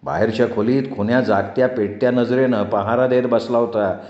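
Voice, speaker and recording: A male storyteller reads a novel aloud in a steady, measured way. His voice sits in the middle range, and the recording is roomy and a bit dull. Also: mid-range voice. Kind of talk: novel reading.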